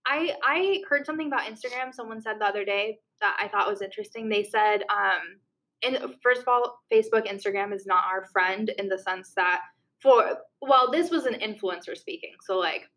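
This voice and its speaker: A woman's voice: medium pitch, a bit bright. A young woman co-hosting a podcast, talking casually in a slightly nasal voice, saying yeah often and laughing at herself. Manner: chatty, quick to laugh at herself. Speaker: podcast co-host.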